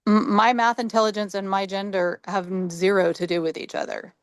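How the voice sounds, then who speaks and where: A woman talking as a trainee counselor in a supportive, encouraging therapist-like manner, casual and reflective, with a creaky voice. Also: mid-range voice, level tone, a little fast, dry recording. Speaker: trainee counselor in a practice role play. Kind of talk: casual, reflective discussion and counseling role play.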